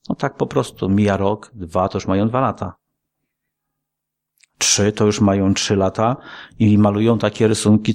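A man's voice: fairly low pitch, gravelly, a little mellow. A male pastor preaching a sermon in a conversational style, with frequent rhetorical questions. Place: church.

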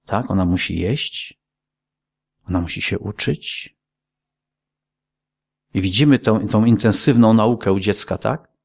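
A man's voice: lowish voice, unhurried, creaky, pauses often, a little mellow, breathy edge. A male pastor preaching a sermon in a conversational style, with frequent rhetorical questions. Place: church.

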